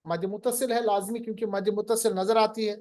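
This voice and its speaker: High-voiced man teaching recitation. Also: flat delivery, a little mellow. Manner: quizzes the student, stretches out recited words slowly. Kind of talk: online lesson.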